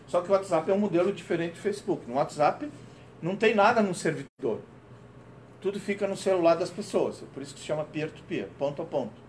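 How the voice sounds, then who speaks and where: Middle-aged guy giving a company talk, kinda high voice, lots of "right?" tags, echoey room, mic far off. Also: a little fast, a little hiss or hum. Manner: lively storytelling with frequent tag questions. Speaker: lecturer. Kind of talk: corporate safety-week talk. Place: company auditorium. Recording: roomy, distant lecture recording.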